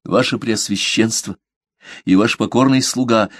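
A devout merchant, read by a man in an audiobook, answering questions with polite, measured calm and quiet firmness. The voice is lowish and the sound dry and close. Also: breathy edge, no echo. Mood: composed. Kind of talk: audiobook character reading.

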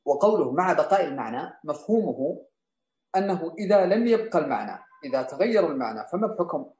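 A man's voice: fairly high pitch, sing-song, fast, darkish tone. Man teaching a classical text. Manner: reads a line of the text, then restates and explains it. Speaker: teacher of Islamic jurisprudence. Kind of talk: explaining a classical text to students. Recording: roomy, slightly dull sound.

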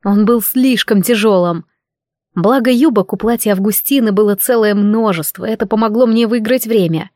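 A woman narrating a first-person novel as an audiobook, with a steady, even delivery. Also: mid-range voice, moderate pace, no echo, clean studio sound.

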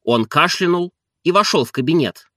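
Guy reading an audiobook, expressive, bright voice, dry close sound. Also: on the high side, moderate pace, dry recording. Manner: expressive storytelling. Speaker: narrator. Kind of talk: audiobook narration.

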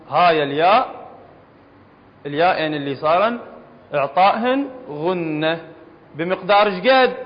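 A man with an Iraqi accent teaches a class, regularly asking his students whether they follow and going back over each point. His voice sits high. The reverberant hall and dull, lo-fi recording soften every word. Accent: Iraqi Arabic. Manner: questioning students, repeating points patiently. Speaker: Quran recitation teacher.

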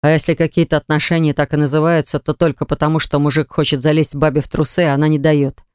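A reader voicing a jealous, hot-tempered man who growls and hisses his words, lower than the narration, in an audiobook. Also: little pitch movement, quick pace, smooth, dry recording, studio quality, natural voice. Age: adult. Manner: growling, hissing through teeth. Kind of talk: audiobook acting.

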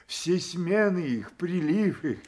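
King Lear, slow swooping old royal. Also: sits high, lively intonation, a little mellow. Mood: tender, dreamy. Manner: declamatory, drawn-out, emotional. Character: old king Lear, loving father turned defiant captive. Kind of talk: theatrical Shakespearean radio drama acting.

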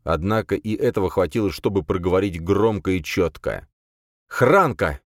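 Deep-voiced expressive male narrator. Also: a little fast, no room sound, clean studio sound. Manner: expressive storytelling. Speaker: audiobook narrator. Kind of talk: scripted narration.

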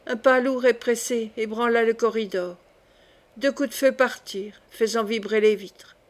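A woman narrates a classic novel as an audiobook, measured and clear. Her voice sits a little high for a woman. She reads at an even, steady pace. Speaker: audiobook reader. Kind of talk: reading a classic novel aloud.

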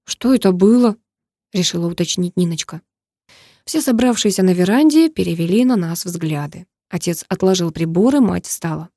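A woman narrating a dramatic first-person audiobook, expressive and emotional, recorded close to the mic. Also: on the low side, moderate pace, no room sound.

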